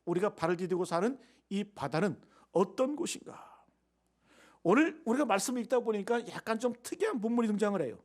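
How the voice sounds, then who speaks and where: A pastor delivering a Sunday sermon in a fairly high voice. He preaches emphatically and keeps turning to the congregation with rhetorical questions. His volume swings between loud stresses and near-whispered asides. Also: animated, fairly quick.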